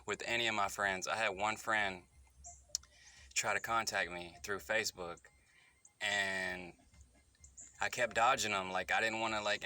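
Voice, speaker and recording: With a bright, forceful tone and a voice on the low side, a thirty-something vlogger films a frank personal confession on his phone. His telling wanders, halts, and is full of self-corrections.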